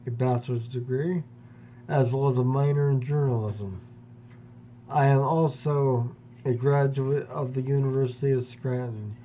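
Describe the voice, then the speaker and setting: A man in his fifties delivers a personal monologue, pausing often and weighing each phrase. His voice is mellow and dark, and he speaks slowly. The recording is dull and lo-fi, with a faint hum underneath. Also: mid-range voice. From Pennsylvania, US. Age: 50s. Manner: slow, deliberate, with long pauses. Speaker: vlogger.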